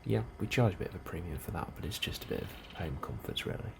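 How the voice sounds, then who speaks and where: A steady ambient hum sits clearly behind a man whose voice is very low and creaky. He voices a calm, helpful colony immigration officer for an ASMR role-play, talking quietly and leisurely, at moments almost whispering.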